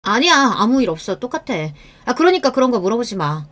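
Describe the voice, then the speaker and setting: A sharp-tongued wife in a spoken radio drama, quick to bristle and complain, voiced by a woman. Her lines come out higher and louder than the narration, clipped and defensive. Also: big pitch swings, heavily acted. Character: irritable, defensive wife in her thirties or forties. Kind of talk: scripted radio-story dialogue.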